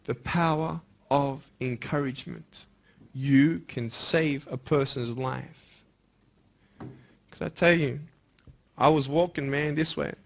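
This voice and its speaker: A young man giving an emphatic motivational speech to students, swinging between bold declarations and hushed, earnest appeals. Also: mid-range voice, steady tone, slow, creaky, pauses often. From Australia. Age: young adult. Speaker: motivational speaker.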